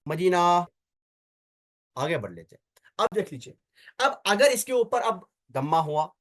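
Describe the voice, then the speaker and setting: A male teacher lecturing on Arabic word roots for Quran recitation, with a voice pitched a little high for a man. He keeps the class with him by asking short questions and answering them himself, repeating key terms. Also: sing-song, unhurried. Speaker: Tajweed teacher.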